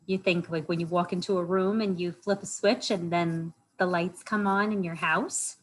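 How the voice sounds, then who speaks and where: A library storytime host reads to children and chats in simple words, often asking her young listeners questions. Her voice is on the low side, with fairly even intonation and a moderate pace, and the rough recording has slight background noise.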